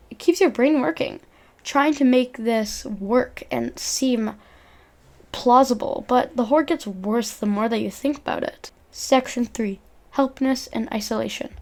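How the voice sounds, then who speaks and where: A young woman narrates a video essay from a script, informal and earnest, occasionally tripping over words. Her voice is fairly high with a darkish tone.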